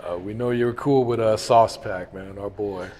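A man's voice: fairly low pitch, steady tone, moderate pace, dark tone. A man interviewing a guest, asking casual questions and giving short agreeing replies.

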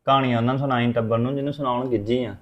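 A man's voice: medium pitch, steady tone, racing, natural voice. A stubborn young Punjabi son, played by a man, blunt and insistent as he presses his mother for the truth. His voice sits mid-range and comes through a dull, lo-fi recording. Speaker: grown son in a family drama. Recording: dull lo-fi sound.

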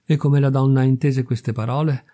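A man reads a classic fairy tale aloud in a measured, expressive way. His voice is dark and mellow, with a warm and relaxed tone. The reading moves at an even storytelling pace. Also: mid-range voice. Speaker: narrator and reader. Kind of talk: literary audiobook reading.

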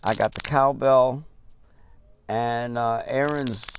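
An older man telling a casual story about his drumming days, halting and unhurried, with many pauses and restarts. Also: medium pitch, steady tone. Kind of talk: casual spoken anecdote. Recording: noisy recording with clear background hiss.

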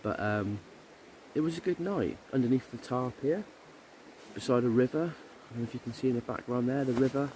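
A man with a mid-range, mellow voice chats fairly quickly and easygoingly to the camera, full of ums, as an outdoor camping vlogger at a woodland camp by a river. There's a little hiss or hum on the recording.

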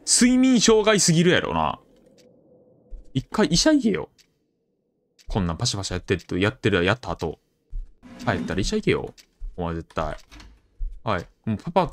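Lively Kansai man streaming a horror game. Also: medium pitch. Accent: Kansai Japanese. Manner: chatty, jokey, talks to the game, sudden loud outbursts. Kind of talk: horror game live commentary.

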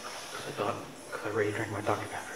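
A man's voice: fairly low pitch, monotone, fast talker, roomy sound, far from the mic, noisy background. Man muffled through a face mask. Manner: mock-melodramatic complaining. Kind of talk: parody food review. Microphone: head-mounted camera.

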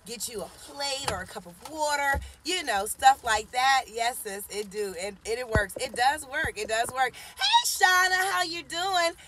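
Against a noisy background, a woman in her forties streams live from her parked car, phone camera at arm's length. Her high-pitched, sing-song voice runs a little slow with hardly any pauses while she chats, teases, and greets viewers by name.

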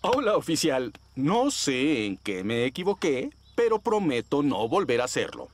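A man's voice: mid-range voice, big pitch swings, a little slow, dry recording. A man voicing a jolly, overconfident father pig in a children's cartoon. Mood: apologetic.

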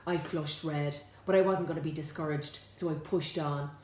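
A woman reading aloud from her own children's book, lively and expressive, jumping higher for the characters' lines. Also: moderate pace, roomy sound. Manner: lively, swoops high for quoted characters. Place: home.

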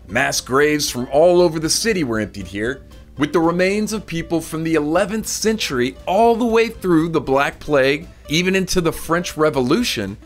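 A man reads a scripted travel narration with a fairly high, lively voice that rises and falls a lot. His delivery is informative, like a tour guide. Faint music plays underneath. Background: soft music bed.

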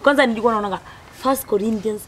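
A woman's voice: on the high side, very fast, fairly bright tone. A young woman with a Kenyan accent telling personal stories casually, switching between Swahili and English. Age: young adult. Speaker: guest, comedian. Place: outdoor garden. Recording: clearly noisy outdoor ambience.

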